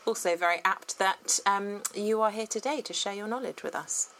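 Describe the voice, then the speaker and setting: A woman's voice: medium pitch, moderate pace, fairly bright tone, a little hiss or hum, poor audio. A woman doctor co-hosting a podcast, chatting casually and steering the conversation from topic to topic. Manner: friendly, guides the talk with neat transitions. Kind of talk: casual chat.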